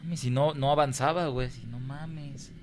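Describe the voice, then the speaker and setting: A man's voice: mid-range voice, fairly even intonation, normal speed, slight background noise. A young man with a Mexican accent, a radio host telling a story in casual chat, full of slang and laughing as he talks.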